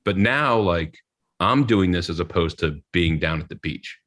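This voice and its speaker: A man's voice: deep voice, animated, a little slow, fairly bright tone. A man co-hosting a podcast, telling rambling, self-mocking stories in casual chat and acting out what other people said. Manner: rambling, self-mocking storyteller who acts out others' lines. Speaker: podcast co-host.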